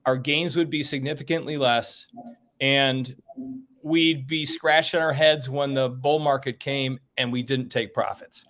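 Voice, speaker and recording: A man's voice: mid-range voice, fairly even intonation, measured pace, a bit bright. A man hosting a casual chat show, talking at length in a rambling, upbeat way.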